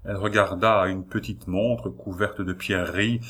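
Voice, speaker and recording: Give me a male storyteller narrating an audiobook in a measured, dramatic way. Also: sits low, steady tone, a bit bright.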